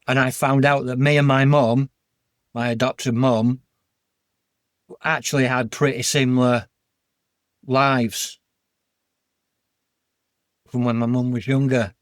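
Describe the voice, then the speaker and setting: Slow and flat, with long pauses, this man's mid-range voice carries a Yorkshire accent and is recorded with no room sound. As a guest on a podcast, he opens up about his life in a heartfelt, earnest, plain-spoken interview.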